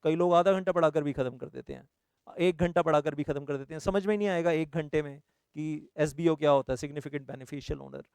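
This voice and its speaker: Earnest Indian man pitching coaching courses. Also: steady tone, brisk, darkish tone, clear, resonant tone, dry recording. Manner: mixes Hindi and English, earnest, persuading. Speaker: CS coaching teacher. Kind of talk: promotional talk to students.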